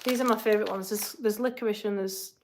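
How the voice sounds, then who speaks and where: She's a fast talker, this English fitness coach, her mid-range voice fairly even as she chats through a live question-and-answer stream in her home kitchen. Background noise is present, and she rambles casually with asides while cooking.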